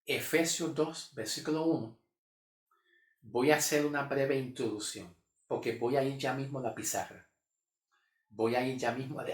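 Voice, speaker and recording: Male Bible teacher, emphatic and repetitive, mid-pitched voice, echoey room recording. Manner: repetitive, emphatic, asks "¿ok?" often. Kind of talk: sermon-style Bible teaching. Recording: echoey room with faint music.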